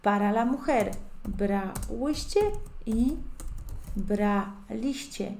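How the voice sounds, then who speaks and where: Slow, patient woman teaching grammar. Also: medium pitch, darkish tone, echoey room. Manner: explains patiently, often checks with a rising "¿sí?" or "¿no es cierto?". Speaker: language teacher. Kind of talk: grammar lesson.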